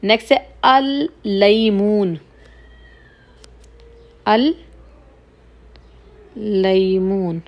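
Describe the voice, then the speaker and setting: A woman teaching Arabic vocabulary, saying each word slowly, repeating it and explaining its meaning. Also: a little high. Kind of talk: slow explanatory lesson, mixing Hindi-Urdu and English.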